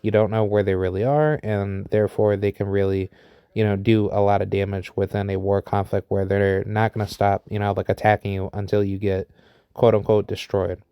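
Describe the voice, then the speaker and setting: A man in his thirties from the United States talks his way through an opinion in a low, mellow voice that stays fairly level. His speech wanders, full of fillers and restarts, and his tone is smooth and resonant. The sound is close and dry. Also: flat delivery, normal speed, no room sound. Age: 30s. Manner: rambling, heavy with fillers and restarts. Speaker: vlogger sharing opinions. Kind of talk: unscripted opinion monologue.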